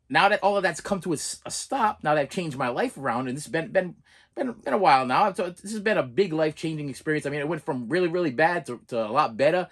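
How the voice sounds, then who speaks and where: Boston-accented man ranting, slightly high-pitched. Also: fairly bright tone. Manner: halting and emphatic, repeating words and phrases, often checking with "okay?". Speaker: vlogger. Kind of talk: casual spoken rant to camera.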